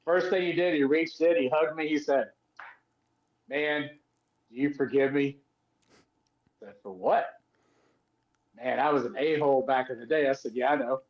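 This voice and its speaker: A man's voice: mid-range voice, normal speed, long pauses, lo-fi sound. A man co-hosting a podcast, telling stories in a casual chat and acting out the voices of people he quotes. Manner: animated, acts out quoted voices. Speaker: podcast co-host, former wrestler.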